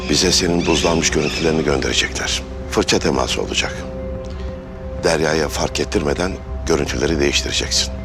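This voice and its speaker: A man's voice: very deep voice, brisk, over music. An actor playing a stern male commander giving terse orders. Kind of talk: television drama acting.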